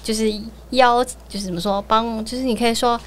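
Quick-talking gal on a podcast, high-ish voice, laughs a lot. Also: female voice, fairly even intonation. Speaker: podcast co-host. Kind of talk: casual chat.

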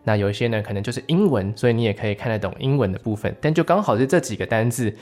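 A man's voice: on the low side, lively intonation, very fast, a little mellow. A man with a Taiwanese Mandarin accent hosting a music show, interviewing in a casual, wordy way and often echoing the guest. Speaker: radio music show host.

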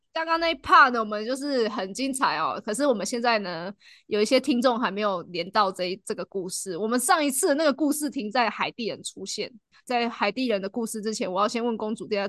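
A woman's voice: fairly high pitch, lively intonation, fairly quick, a bit bright, no room sound, studio quality. A woman hosting a chat podcast, reacting with exclamations and asking guiding questions. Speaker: podcast host. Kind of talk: casual chat.

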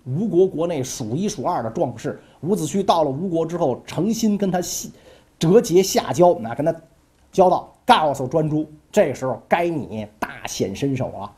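A woman's voice: sits low, animated, normal speed, mellow. A woman telling ancient history in a jokey, chatty way with asides to listeners. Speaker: storyteller. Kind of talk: colloquial history storytelling.

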